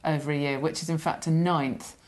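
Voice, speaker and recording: A woman's voice: sits low, steady tone, fairly quick, darkish tone. A woman presenting a reality TV show, teasing and pointed as she confronts someone about money.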